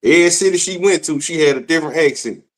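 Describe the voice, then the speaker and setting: A man's voice: fairly high pitch, quick pace. A man co-hosting a casual chat, speaking in slang and calling his friend "bro".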